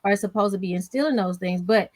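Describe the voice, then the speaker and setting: A woman in her forties, a nurse on a discussion panel, speaking in a colloquial, lively way with folksy asides. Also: medium pitch, fast, dry recording.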